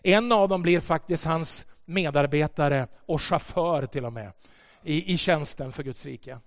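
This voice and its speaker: A man preaching a sermon, telling a story and swinging between soft and loud passages. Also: on the high side, long reverb tail. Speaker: pastor. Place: church.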